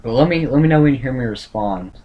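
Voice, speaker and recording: A man hosting a casual livestream, rambling and thinking aloud in a halting, self-correcting way. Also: medium pitch, animated, highs cut off. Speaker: livestream host tracking a tropical storm. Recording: clear background noise, room ambience.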